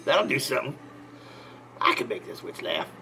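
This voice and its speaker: A man's voice: mid-range voice, very animated, moderate pace, gravelly, pushed and bright, faint music behind, pitched below the performer's own voice, heavily acted. A man voicing a folksy, boastful prankster clown with a rustic drawl and homespun grammar in a tabletop game. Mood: boastful, fumbling. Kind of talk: tabletop role-play in character. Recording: faint background noise.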